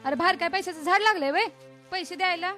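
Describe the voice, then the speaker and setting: A woman's voice: extremely high pitch, fast talker, bright, forceful tone, soft background music. An actress playing a worried poor village mother, nagging and anxious. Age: middle-aged.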